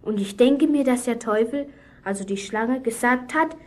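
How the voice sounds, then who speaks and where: A woman's voice: a little high, normal speed, darkish tone, natural voice. A woman acting a young girl in a children's radio play, earnestly retelling a Bible story to a boy.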